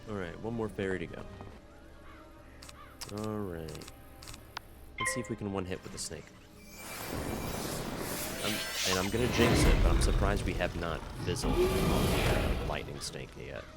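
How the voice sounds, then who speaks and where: A man with a low, lively voice hosts a game playthrough. His commentary is casual, and loud music plays behind him. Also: unhurried, pauses often. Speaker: gamer, playthrough host.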